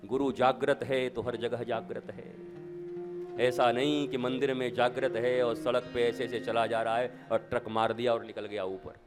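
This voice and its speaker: A man's voice: mid-range voice, level tone, normal speed, over music. A man giving a devotional sermon as a guru, conversational but turning emphatic and rhythmic with repetition. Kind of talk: devotional sermon before an audience, with anecdotes.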